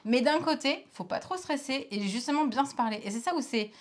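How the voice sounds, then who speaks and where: A woman in her thirties co-hosting a board game show, chatting casually with lots of hesitations and quick laughs. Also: high-pitched, expressive. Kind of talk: casual chat reviewing board games.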